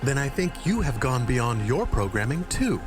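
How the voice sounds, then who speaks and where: A too-smooth android voice, a man acting out a gentle male AI dog in a synthetic body. He speaks at a medium male pitch with a lively, rising-and-falling line, each word calm and machine-polished. Loud game music plays under him. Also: normal speed, close to an everyday voice.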